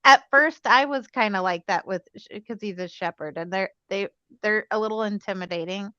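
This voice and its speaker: Woman, dog owner, bright forceful voice, candid and laughing; dry, a bit dull. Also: mid-range voice, moderate pace, dry recording. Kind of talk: casual chat.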